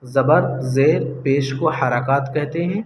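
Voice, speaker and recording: A man teaching Quran reading, sounding out syllables slowly and patiently repeating the rules. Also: fairly high pitch. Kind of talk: slow step-by-step lesson. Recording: echoey room with faint hiss.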